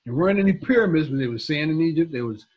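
Very husky man teaching the Bible. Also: on the high side, animated, rapid-fire, muffled recording. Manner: repetitive, emphatic, talks directly to listeners.

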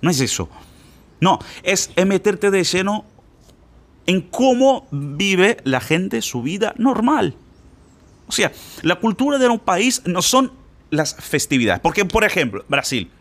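A man from Brazil whose first language is Portuguese, giving a casual online Spanish lesson and acting out little scenes as he goes. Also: unhurried. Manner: lively, playful, acts out little scenes with shifting pitch. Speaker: Spanish teacher.

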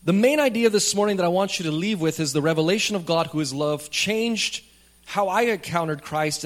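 A man preaching a sermon at a pulpit microphone in a church, speaking in a plain, conversational way with light jokes for the congregation. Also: on the high side. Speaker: pastor. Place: church sanctuary.

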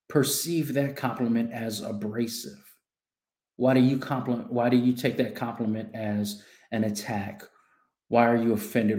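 Casting: male coach, earnest self-help speaker, mellow voice, echoey room. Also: medium pitch. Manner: earnest, addresses the listener directly with questions. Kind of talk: motivational self-help talk.

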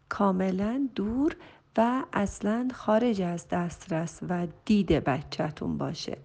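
Woman counselor, gravelly voice, earnest advice, gets slow and emphatic. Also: mid-range voice, darkish tone. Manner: earnest, advising, slows and rises for emphasis. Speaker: family counselor. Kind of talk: recorded voice message answering a listener.

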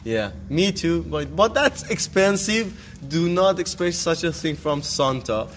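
A man's voice: fairly high pitch, animated, measured pace, a bit bright, slight background noise. A young man hosting a casual podcast interview, hesitant and full of filler sounds and restarts. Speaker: podcast host interviewing teens.

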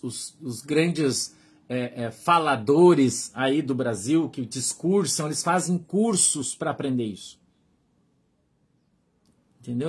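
Speaking a little high with a breathy edge, this Brazilian man preaches a sermon in a Brazilian Portuguese accent. His delivery as pastor is conversational, and he keeps checking in with the flock by asking "understood?"

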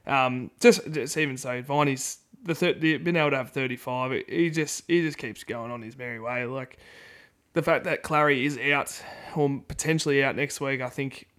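A man's voice: mid-range voice, normal speed, fairly bright tone. Australian male podcast co-host, colloquial football chat, loose rambling delivery, recorded in a country shed. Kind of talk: casual football discussion.

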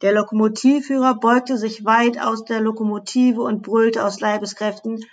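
A woman teacher reading a children's book aloud to her class in a lively storytelling manner. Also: on the high side, normal speed.

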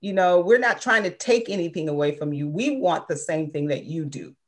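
A woman in her sixties speaks in a slightly low voice. She is a guest in a conversational interview. She talks earnestly and with emphasis, and laughs easily. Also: lively intonation, moderate pace. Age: 60s. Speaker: interview guest, civil rights organization member.

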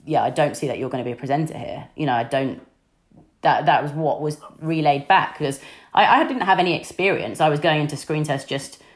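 A young woman with a deep, husky voice talks briskly in a casual interview chat. She's a sports news presenter appearing as a podcast guest, chatty and candid, with lots of fillers like "you know."

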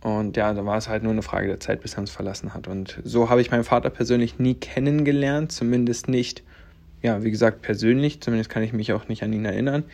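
A twenty-something podcast host, originally from Germany and raised in Latvia with German and Russian as his two native languages, rambles earnestly on his personal show with heaps of fillers. His lowish, slightly mellow voice is flat, quick, and marked by vocal fry.

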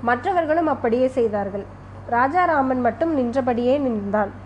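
A woman reading a serialized novel aloud in a steady, even storytelling manner. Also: high-pitched, normal speed, muffled recording, a little hiss or hum. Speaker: story narrator.

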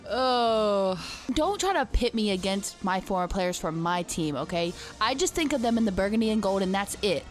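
A woman's voice: mid-range voice, lively intonation, moderate pace, faint music behind. A woman from Virginia co-hosting a casual sports chat in an everyday conversational way. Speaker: sports show co-host.

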